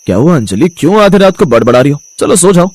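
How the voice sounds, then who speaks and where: A man's voice: a little high, very animated, fast talker, a little mellow. A man playing a dismissive young husband. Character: young husband, careless and stubborn.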